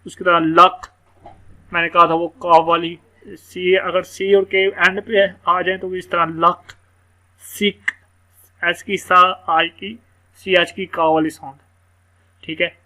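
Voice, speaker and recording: A man teaches English phonics in a relaxed, chatty way. His voice sits a little high for a man. He stretches example words out and spells them letter by letter. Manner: casual, explanatory, repeats words slowly letter by letter. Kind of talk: screen-share phonics lesson.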